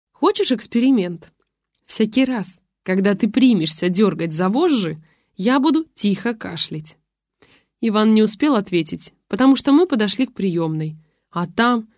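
A woman's voice: medium pitch, a little mellow, no room sound, clean studio sound. A woman reading a first-person detective story aloud, voicing the dialogue of every character. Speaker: audiobook narrator.

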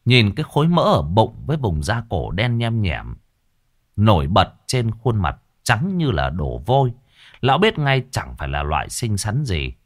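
A man telling a story in an earthy, colloquial, animated way. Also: lowish voice. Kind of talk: storytelling narration.

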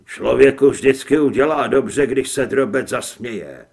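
A man doing a sullen, grumbling gentleman. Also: medium pitch, gravelly, natural voice. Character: gloomy grumbling middle-aged man.

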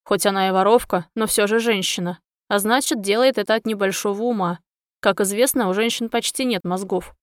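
A woman's voice: medium pitch, fairly quick, dry recording, studio quality, lightly acted. A woman voicing a haughty young elf, a sultan's son, who speaks in curt commands. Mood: dismissive.

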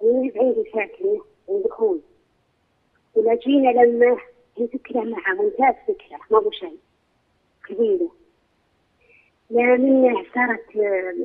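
A woman calling in to a religious program over a poor, unclear phone connection, halting and repeating herself. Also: fairly high pitch. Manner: halting, repeats her greetings and phrases. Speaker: caller. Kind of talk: call-in question to a religious program. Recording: tinny, muffled phone line.

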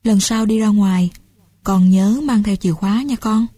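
A woman's voice: mid-range voice, moderate pace, no echo, lightly acted. Woman reading as a kindly scolding uncle. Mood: gentle. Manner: gentle, then exasperated scolding. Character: kindly middle-aged uncle who scolds.

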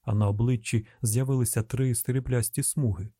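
A man with a mid-range voice narrates an audiobook, keeping his delivery even and measured. The recording is studio quality with no room sound.

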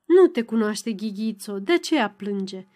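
A woman's voice: medium pitch, lively intonation, a little mellow, lightly acted. A woman reading the part of a proud, cheerful young mother.

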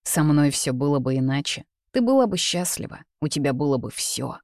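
A man's voice: fairly high pitch, sing-song, brisk, no echo, studio quality. A reader voicing a young man, a persistent and jealous suitor who pleads and turns bitter, in a read-aloud novel. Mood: scornful. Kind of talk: audiobook character reading.

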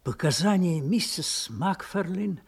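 Doctor Watson, husky, earnest companion. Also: male voice, high voice, animated, unhurried, full character voice. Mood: concerned, astonished. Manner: earnest, concerned exclamations and questions. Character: loyal, anxious, earnest male doctor, detective's companion. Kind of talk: Russian audio drama acting.

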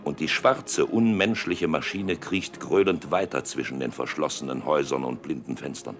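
A man narrating a literary script in a deliberate, evocative manner with dramatic pauses. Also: very deep voice, a little hiss or hum.

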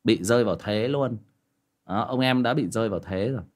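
A man's voice: fairly low pitch, fairly quick. A man telling a personal story in casual talk, acting out both sides of a conversation. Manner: acts out both sides of a conversation, rising sharply when excited. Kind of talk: casual spoken storytelling to listeners.

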